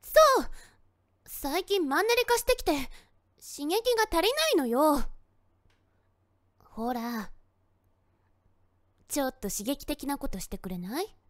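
A very high, lively tsundere girlfriend in an anime-style voice drama. She is bashful and snappy, stammering and huffing as she talks to her boyfriend, with slow, hesitant delivery.

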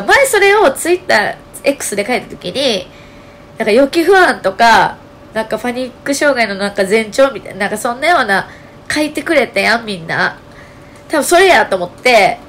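A woman with a Kansai accent talking casually to her channel, her voice hoarse and nasal, telling her story with lots of fillers. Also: on the high side, slight background noise. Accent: Kansai Japanese. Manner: chatty, animated storytelling with many fillers. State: hoarse, strained voice. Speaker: channel host. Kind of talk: casual solo vlog talk.

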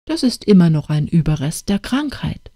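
A woman's voice: fairly low pitch, sing-song, moderate pace, warm tone, no echo, studio quality. A woman voicing a stern old father in an audiobook tale, speaking in a reproachful, urging way.

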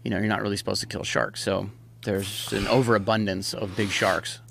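Lowish gravelly guy from hawaii rambling on a podcast, lots of um and you know. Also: level tone, brisk, fairly bright tone, a little hiss or hum. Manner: rambling, many restarts and fillers. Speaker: podcast guest. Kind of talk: casual chat.

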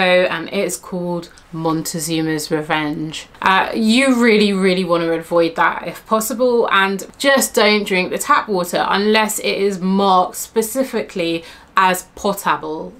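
Chatty British woman giving travel tips. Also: lowish voice. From Britain. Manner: chatty and animated, with many fillers and restarts. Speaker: travel vlogger. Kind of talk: casual travel tips to camera.

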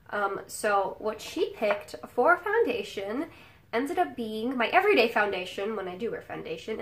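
Sounding sick and nasal, a young adult beauty vlogger talks casually through her makeup routine at home in her bedroom, rambling with frequent fillers. Her voice is medium-pitched, and a faint hiss or hum runs underneath.

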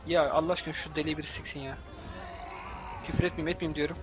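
A young Turkish man doing let's-play commentary, yelling and cursing at the game in exasperation. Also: fairly high pitch, level tone, fast, over music. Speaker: gameplay commentator.

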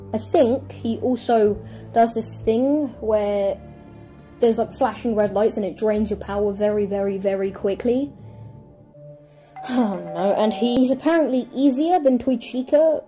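A woman playing a horror game from her bedroom, with excitable, squealing commentary and sudden yelps. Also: fairly high pitch, a little slow. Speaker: gaming YouTuber. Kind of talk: excitable let's-play commentary. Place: home bedroom. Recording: faint game music behind.

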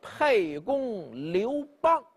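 Casting: a man as a courteous ancient magistrate, coaxing and deferential, husky lively voice. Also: high voice, very slow, exaggerated voice. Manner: polite, coaxing official speech. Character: male county magistrate, courteous and persuasive.

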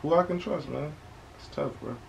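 A man's voice: on the high side, normal speed. A young man with an American accent hosts a reaction video with casual, slangy commentary, repeating points for emphasis. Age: young adult. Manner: slangy, conversational, emphatic repetition. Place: small bedroom indoors. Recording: clear background noise, home webcam recording.

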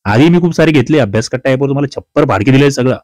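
A male teacher giving an exam-prep grammar lesson, fast, chatty and teasing. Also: medium pitch, lively intonation, darkish tone, no room sound. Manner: fast, chatty and teasing, calls students brother and sister.

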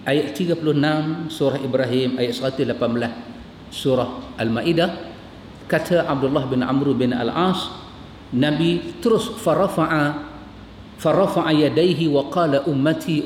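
A Malaysian man preaching a sermon as a religious teacher, his voice climbing with emotion and slowing to recite Arabic. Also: a little mellow. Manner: impassioned, pitch climbing as he retells scenes, Arabic recited slowly. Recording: echoey hall with long reverb, faint room noise.

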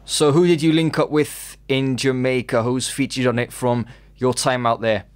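A man hosting an interview, asking questions in a measured, formal way. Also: medium pitch, level tone, no echo. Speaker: interview host.

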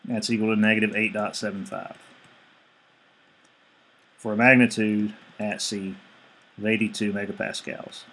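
A man's voice: lowish voice, little pitch movement, normal speed, pauses often, fairly bright tone. A male engineering instructor giving a screencast lecture, explaining each step evenly and reading out numbers as he works.

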